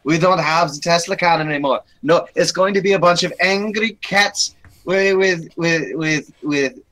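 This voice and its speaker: Rambling man, fairly high voice. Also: moderate pace, bright, forceful tone, low-quality recording. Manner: rambling, with many restarts and laughs. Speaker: podcast co-host. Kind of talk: casual gaming chat.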